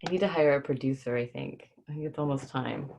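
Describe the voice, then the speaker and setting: A woman with a rumbling low, darkish voice and vocal fry speaks at a quick pace over slight background noise in a rough recording. She's a livestream host reading a children's book, keeping it informal and explaining difficult words simply for young children.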